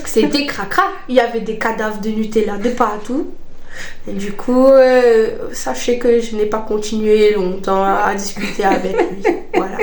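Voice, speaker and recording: A woman gossiping in an animated, casual way as she tells personal stories, repeating phrases for emphasis. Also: medium pitch, a little slow. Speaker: vlogger telling personal stories. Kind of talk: casual gossipy storytelling chat. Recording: echoey room, faint background noise.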